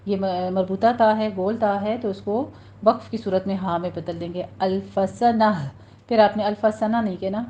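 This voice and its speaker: A woman teaching a tajweed lesson, patiently explaining pronunciation rules and slowly repeating words for her students to practice. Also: medium pitch, warm tone, lo-fi sound. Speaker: Quran recitation teacher.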